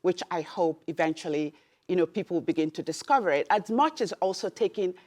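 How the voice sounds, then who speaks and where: A woman's voice: fairly low pitch, a little fast. A woman from Nigeria, a beer importer, speaking as a guest in an interview and acting out conversations as she tells her story. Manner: expressive storyteller, acts out dialogue.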